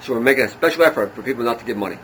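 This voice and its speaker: A man in his sixties, a guest in a casual interview, who talks in an excitable, enthusiastic way. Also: mid-range voice, very fast, heavy background noise. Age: 60s.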